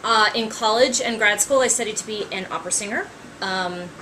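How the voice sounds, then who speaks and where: A woman's voice: medium pitch, a little fast, sharp tone, slight background noise, rough recording. A woman in her thirties, an author, talking casually to camera, chatty with frequent ums and wry asides. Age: 30s.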